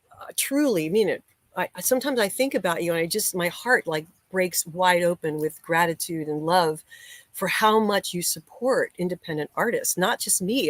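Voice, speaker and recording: A woman's voice: fairly low pitch, dry recording. An American woman musician hosting a casual livestream, chatting and greeting viewers by name as she reads their comments. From United States. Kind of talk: casual live-chat hosting.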